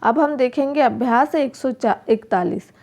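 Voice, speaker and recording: Woman, teacher, workbook lesson, slow, repetitive questioning, gravelly. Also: high-pitched, darkish tone. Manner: slow, repeats words and asks questions to the pupils.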